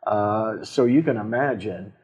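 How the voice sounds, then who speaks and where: A man, a city mayor, explaining council decisions in casual talk, halting with many fillers and restarts, with a Canadian accent. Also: on the low side, darkish tone, husky, rough recording. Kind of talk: casual civic discussion.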